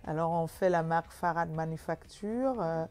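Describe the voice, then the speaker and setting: A woman's voice: low voice, normal speed, a little mellow. A woman in her fifties from the Netherlands with a Dutch accent, answering interview questions about her bike shop with many fillers and restarts.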